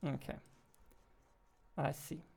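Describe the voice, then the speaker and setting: Speaking slowly with a darkish tone, this twenty-something game developer live-streams in a casual, self-deprecating way into a close studio mic on a boom arm.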